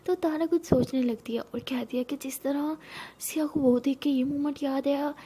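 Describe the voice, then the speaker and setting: A woman narrating a love story in a soft, intimate voice that often drops to a half-whisper. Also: high voice, steady tone, normal speed.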